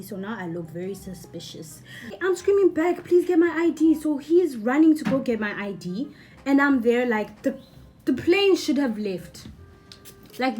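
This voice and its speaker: Animated woman telling a story. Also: on the high side. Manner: animated, rambling, repeats herself. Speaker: vlogger. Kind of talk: storytime vlog.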